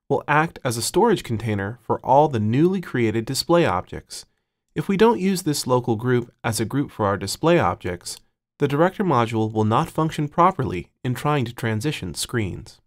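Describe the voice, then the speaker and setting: A man instructing in a step-by-step screencast, speaking in a measured way and dictating code piece by piece into a close mic. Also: mid-range voice. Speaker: tutorial instructor.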